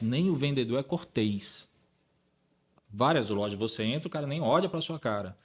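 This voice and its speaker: A Brazilian man hosting a casual conversation, telling stories in an animated way and acting out the dialogue. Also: medium pitch. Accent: Brazilian Portuguese. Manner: animated storyteller, acts out dialogue. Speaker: host.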